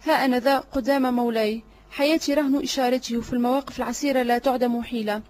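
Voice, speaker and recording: A woman voicing a cunning, flattering male servant in an audiobook drama reading, obsequious and sly. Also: a little high, fast, lightly acted.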